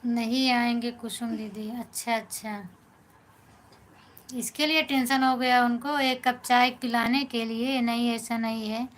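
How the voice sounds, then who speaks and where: A woman's voice: on the high side, steady tone, unhurried. A woman with an Awadhi accent, a folk singer chatting casually on a live stream, thanking viewers by name and answering their comments.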